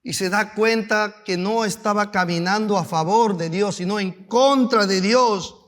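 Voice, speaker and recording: A male pastor preaching a sermon to his congregation, asking them rhetorical questions and building up to fervent, shouted climaxes. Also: high voice, measured pace. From Peru.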